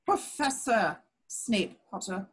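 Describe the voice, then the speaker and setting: A woman's voice: medium pitch, animated, takes it slowly, breathy edge, heavily acted. A woman playing a stern, proper older witch professor in a fantasy screenplay read, speaking formally.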